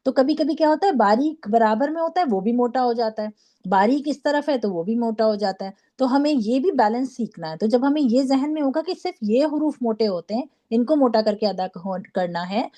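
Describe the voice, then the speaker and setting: A woman teaching a Quran recitation class, patiently drilling syllables slowly and checking in with her students. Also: a little high, mellow. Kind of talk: online class lesson.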